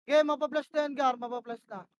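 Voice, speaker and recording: A woman with a very high, piercing voice runs her team's plays in a tactical shooter. She snaps out short commands again and again and curses when the team lags. Her headset sound is dry and close. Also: steady tone, fast, dry recording. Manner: barks short repeated commands, swears when frustrated. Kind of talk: rapid in-game voice comms.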